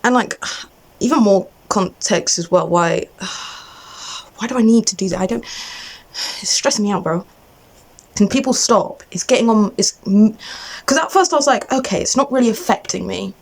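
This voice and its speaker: A woman's voice: mid-range voice, normal speed, vocal fry, pauses often. A young adult woman in an agitated, exasperated rant to camera, venting off the cuff in a casual way and often cutting herself off. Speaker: vlogger.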